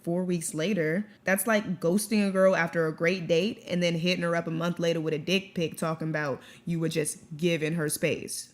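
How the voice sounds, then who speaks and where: A woman's voice: fairly low pitch, little pitch movement, normal speed, few pauses. Sarcastic young woman co-host. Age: young adult. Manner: sarcastic, jokey asides. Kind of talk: scripted comedic news commentary.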